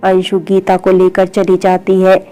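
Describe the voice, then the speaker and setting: A woman's voice: medium pitch, completely flat delivery, a little slow, dark tone. A woman reading an emotional family story aloud in a scripted, melodramatic narration.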